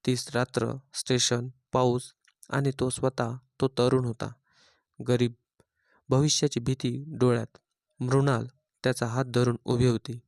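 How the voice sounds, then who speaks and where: A man narrates a dark, emotional tale in a measured, grave storytelling voice. His pitch sits in the middle range, and the recording is close and dry, with no room sound. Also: flat delivery, no room sound. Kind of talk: scripted narration.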